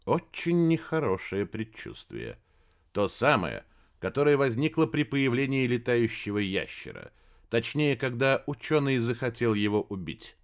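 A man reading a story aloud in a dramatic, expressive audiobook narration. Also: mid-range voice, unhurried.

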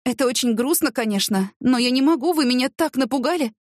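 Woman doing a nervous shaky lady driver, high and fussy. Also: lively intonation, fast talker, no room sound, studio quality. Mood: jittery. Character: Klava, jittery frightened woman driver.

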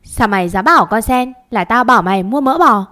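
Woman acting out a hysterical jealous wife, shrill, loud, screaming, audio storybook. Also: expressive, fairly quick. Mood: furious.

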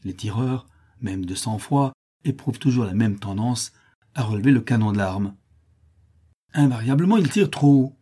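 Husky-voiced male audiobook narrator. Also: medium pitch, animated, moderate pace, warm tone. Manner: vivid, emphatic delivery. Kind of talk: dramatic novel reading.

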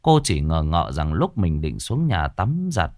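A man's voice: extremely low pitch, sing-song, a little slow, darkish tone, dry recording, studio quality. A man reading a scripted horror story aloud, dramatic and lingering on gruesome detail.

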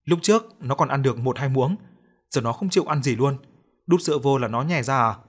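A stern older grandmother, voiced by a man in an audio story, speaks in a snappish, scolding way. Her voice sits at a middle pitch. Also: expressive, fairly quick, slightly rough.

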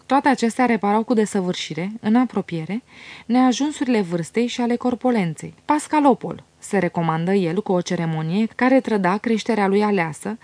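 Lady narrating an old novel, measured, mellow voice, dry close mic. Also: medium pitch, no echo. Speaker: audiobook narrator. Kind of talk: scripted narration of a classic novel.

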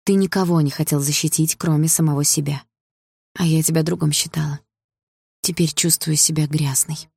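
An audiobook reader voicing a betrayed young woman who speaks quietly and coldly. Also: mid-range voice, monotone, fast, creaky, few pauses, husky, dry recording. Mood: contemptuous. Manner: quiet, icy. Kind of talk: audiobook dialogue.

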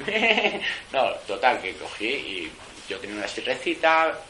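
Blunt, bright-voiced man from telling a story. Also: on the low side, normal speed, a little hiss or hum, poor audio. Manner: colloquial and blunt, with swearing and streetwise slang; animated retelling, with many restarts. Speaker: former prisoner giving a testimony. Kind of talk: casual spoken storytelling.

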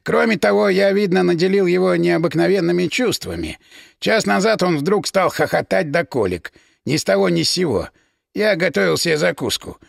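A tipsy inventor who shrugs everything off with weary irony, as a male reader puts him on. The voice has a gravelly texture and lively turns in pitch, recorded dry and close. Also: normal speed, no echo, exaggerated voice. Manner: ironic, weary. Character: lazy, boozy male inventor, ironic.

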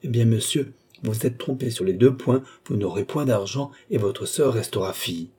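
A man reading an audiobook, voicing a proud, tired count who speaks with calm, disdainful haughtiness. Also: mid-range voice, moderate pace, slightly rough, close to an everyday voice. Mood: scornful.

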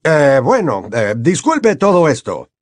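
An excitable, kindly wizard father, put on by a male audiobook reader, his voice pitched up and swinging widely as he rushes along in an eager, flustered way. The sound is dry and close. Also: dry recording. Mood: apologetic. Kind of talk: audiobook character voice.

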